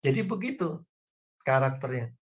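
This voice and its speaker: A man's voice: mid-range voice, very animated, normal speed, dull audio. A man preaching a sermon as pastor, speaking straight to the congregation with folksy, humorous examples. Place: church online service.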